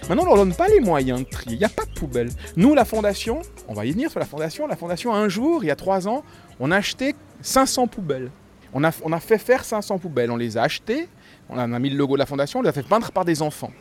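His high voice is sing-song and darkish, moving at a quick pace with faint music behind. Raised in Switzerland, he founded a foundation and, interviewed casually in a restaurant, emphatically piles up repeated points.

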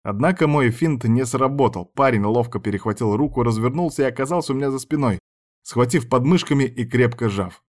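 A man reading a first-person novel aloud as a measured, brooding inner monologue. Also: medium pitch, darkish tone. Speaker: audiobook narrator. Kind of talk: first-person storybook narration.

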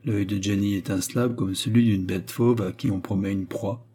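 A man narrating a classic novel as an audiobook, in a measured, even reading. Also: on the low side, husky. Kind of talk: scripted narration.

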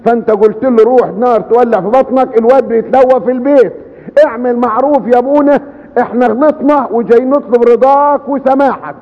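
A man voicing an elderly village mother with an Egyptian accent, pleading rapidly with a priest. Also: very high-pitched, pitched above the performer's own voice. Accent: Egyptian Arabic. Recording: echoey hall, muffled lo-fi.

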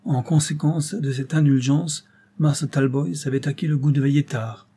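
A man narrating a classic novel as an audiobook, steady and literary. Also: on the high side, moderate pace, breathy edge. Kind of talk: scripted narration.

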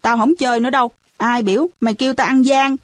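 A woman's voice: fairly high pitch, fairly even intonation, fast, no echo, clean studio sound, natural voice. Woman voicing a bossy mischievous boy. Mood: sulky. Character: cheeky mischievous young boy, bossy and teasing.

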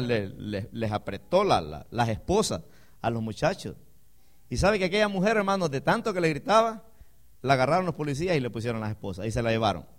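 High-voiced guy preaching a sermon, super lively pitch, loud then hushed, keeps asking the congregation questions. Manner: preaching with big swings between loud emphatic declarations and low, quiet asides; addresses the congregation as "hermano" with call-and-response questions.

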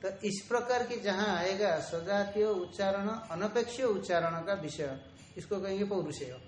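A man teaching a traditional Vedanta lesson, explaining slowly, repeating key terms and drawing out Sanskrit quotations. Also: sits high, slight background noise. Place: ashram room. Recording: echoey room, faint ambience.

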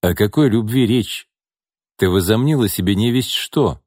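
A cold, sneering wealthy man, as the male reader plays him, calm and dismissive in an audiobook. His voice sits low and dark. The sound is dry and close-miked. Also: normal speed, no room sound, close to an everyday voice.

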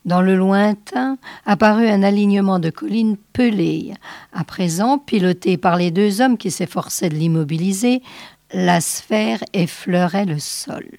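A woman's voice: mid-range voice, a little slow, darkish tone, no room sound. Woman reading a novel aloud, dry sound. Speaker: reader.

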